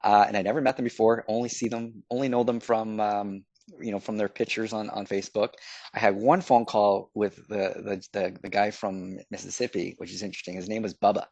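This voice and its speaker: A man's voice: lowish voice, little pitch movement, brisk, gravelly, darkish tone, no echo. A middle-aged man from Canada, a podcast guest telling stories in a chatty way and acting out his own past remarks. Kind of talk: casual storytelling.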